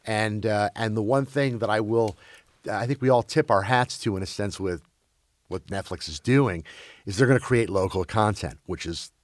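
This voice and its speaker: Man talking in halting restarts. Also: on the low side, no room sound. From Belgium. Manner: halting, many restarts and fillers. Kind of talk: casual conversation about film and streaming.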